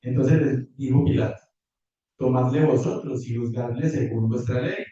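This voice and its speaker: A man preaching a sermon and reading scripture in a measured, careful way, recorded from afar in a church hall. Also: medium pitch, warm tone. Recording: distant, echoey, muffled church audio.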